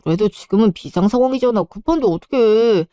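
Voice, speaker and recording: Defensive insistent husband, a woman voicing him, soft warm tone, dry sound. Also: mid-range voice, lively intonation, brisk, no echo, soft background music, natural voice. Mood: stubborn. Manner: insistent, pleading. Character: husband, stubborn and defensive of his parents.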